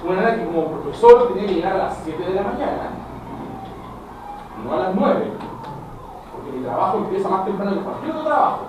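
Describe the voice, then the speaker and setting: Chilean guy teacher, middle-aged, kinda high voice, lecturing the class from way off the mic, super echoey noisy room. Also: brisk, long pauses, far from the mic. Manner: animated, addresses students directly, acts out dialogues. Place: school classroom. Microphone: camera at a distance.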